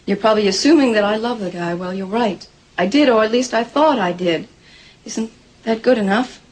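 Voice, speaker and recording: A woman's voice: a little high, normal speed, slight background noise, close to an everyday voice, poor audio. An actress playing an anxious, proud young pregnant woman in a 1980s soap opera, talking hesitantly with stumbling restarts. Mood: anxious, defensive.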